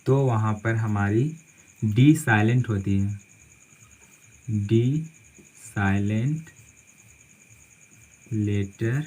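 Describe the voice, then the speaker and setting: Slow, repetitive male English teacher. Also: lowish voice, a little mellow, rough recording. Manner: slow, repeats key phrases and spells words letter by letter; says "theek hai" after nearly every point. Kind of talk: classroom-style lesson at a board.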